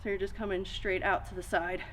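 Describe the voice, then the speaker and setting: A woman's voice: medium pitch, level tone, a little fast, a little hiss or hum. A woman in her thirties coaching a dumbbell workout, cueing each move step by step and a little out of breath. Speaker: fitness coach. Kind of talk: workout instruction.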